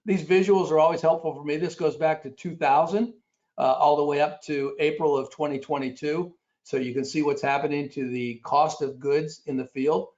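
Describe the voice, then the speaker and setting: Raspy-voiced man giving a talk. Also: on the high side, fairly even intonation, darkish tone. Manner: halting, many fillers, reads statistics off slides. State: raspy after illness. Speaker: presenter. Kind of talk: conference presentation. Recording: dull lo-fi recording.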